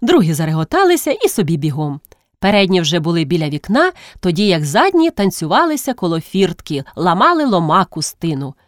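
A woman narrating a classic story in a measured, expressive reading. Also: fairly low pitch, no echo, clean studio sound.

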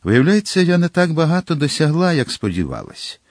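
A man voicing a cunning, cold captive noblewoman who turns sly and theatrical, now loud, now hushed. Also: fairly high pitch, very animated, brisk, dry recording, clean studio sound, voice pushed up. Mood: scheming.

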